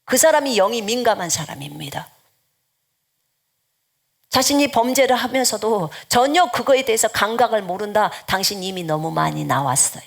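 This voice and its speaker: A woman's voice: mid-range voice, normal speed, creaky. A woman missionary preaching an earnest sermon, exhorting her listeners and often dropping into a whisper.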